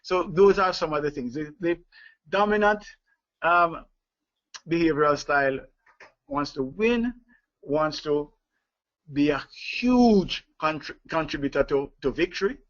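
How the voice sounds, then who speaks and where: A man's voice: on the high side, lively intonation, a little slow, long pauses, a bit bright. A man leading a live online leadership training, talking with many fillers, restarts and chuckles. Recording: dull lo-fi webinar audio.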